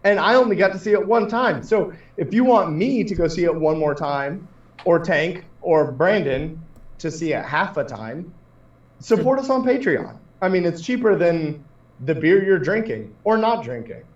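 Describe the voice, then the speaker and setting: A man hosts a relaxed podcast in a loose, joking way that sometimes turns profane. His voice is a little high and sits back from the mic. The room echoes, and the sound is dull and lo-fi. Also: moderate pace, recorded from a distance. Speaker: podcast host. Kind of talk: casual podcast banter.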